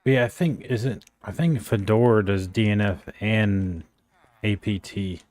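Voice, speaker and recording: A man with a fairly low, darkish voice talks unhurriedly with no room sound. Chatting casually while streaming a game, he rambles and sounds unsure, filling his speech with "like" and "I think."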